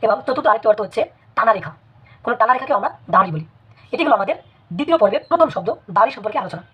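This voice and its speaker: Husky woman, brisk spelling teacher, muffled lo-fi mic. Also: on the high side, lively intonation. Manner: measured, repeats words for emphasis. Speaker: language teacher. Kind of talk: spelling lesson. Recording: dull lo-fi recording.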